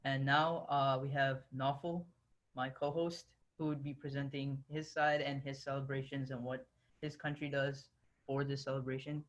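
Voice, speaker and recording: A man's voice: medium pitch, flat delivery, moderate pace, a bit bright, low-quality recording. A man co-hosting a virtual event, introducing each segment with many fillers. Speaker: event co-host.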